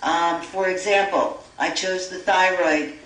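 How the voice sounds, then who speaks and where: A woman's voice: fairly low pitch, steady tone, measured pace, fairly bright tone. A woman, a naturopathic doctor, giving a lecture to an audience and reading through lists steadily, with a few stumbles and self-corrections. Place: store event room. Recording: echoey room, voice far from mic, faint hiss.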